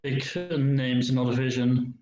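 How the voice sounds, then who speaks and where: A man, an esports player, answering post-match interview questions over a call, his voice echoing as if in a cave, halting and repeating words. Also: medium pitch, monotone, dark tone, dull audio. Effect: echoey cave-like sound on his voice. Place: living room. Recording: roomy echo over an online call.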